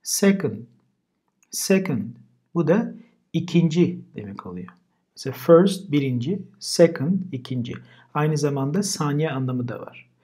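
A man's voice: fairly high pitch, lively intonation, normal speed, mellow, slightly rough. A man teaching English vocabulary in a casual lesson. He says each word twice and then explains it. Turkish is his first language.

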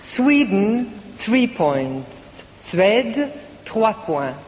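A woman presenting a live song contest, reading each score in English and then in French in a measured way. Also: medium pitch, sing-song, darkish tone. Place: large concert hall. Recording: live broadcast from a concert hall with audience.

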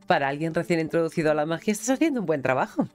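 A woman with a Spain Spanish accent reading the lines of a wise old male sage mentor in a game, in a measured, formal way. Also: sits low, very animated, a little mellow. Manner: measured, formal read-aloud delivery.

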